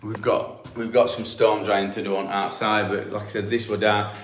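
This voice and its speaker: Walking through a damp job indoors, a middle-aged Yorkshire man who does damp proofing rambles casually, full of fillers and restarts, in a house stripped for the work. His fairly low voice has little pitch movement at a normal speed. The empty room is echoey, with a little hiss or hum.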